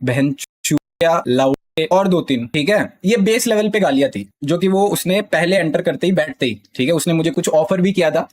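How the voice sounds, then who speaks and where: A man's voice: a little high, lively intonation, a little fast, few pauses. A young man streaming, explaining himself defensively in an agitated way, his voice climbing when he gets heated. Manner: agitated, repeats "theek hai" often, voice rises when heated.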